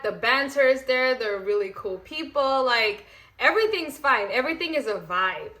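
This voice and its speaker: A woman in her twenties, from Rwanda and raised in South Africa, telling a story in a chatty, animated way and acting out the people in it. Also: mid-range voice. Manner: chatty, animated, acts out quoted voices. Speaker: vlogger. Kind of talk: casual storytime while getting ready.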